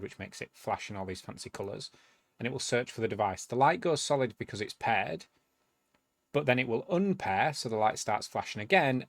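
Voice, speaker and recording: Here a tutorial host with a mid-range male voice talks through a tech process one step at a time. The recording has no room sound, and his manner is relaxed, explanatory, and full of thinking aloud while he shows what to do.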